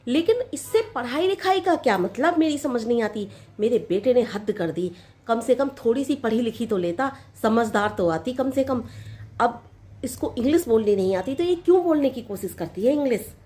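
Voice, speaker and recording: A woman playing a proud, sharp-tongued older mother-in-law who nags and scolds in a comic sketch. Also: on the high side, animated, moderate pace, natural voice. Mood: grumbling. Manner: nagging, scolding, repetitive complaints.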